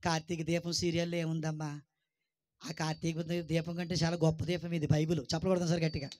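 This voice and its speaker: A man preaching a lively sermon to his congregation, exhorting them with repeated rhetorical questions and calls for praise, and teasing his listeners with jokes. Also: a little high, fast talker. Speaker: pastor.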